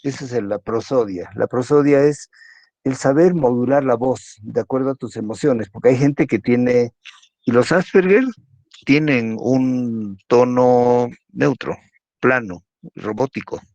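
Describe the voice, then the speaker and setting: A man's voice: mid-range voice, moderate pace, warm tone, no echo. A man giving a university lecture in a chatty way, often ending sentences with a question. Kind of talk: online class lecture. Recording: dull lo-fi recording.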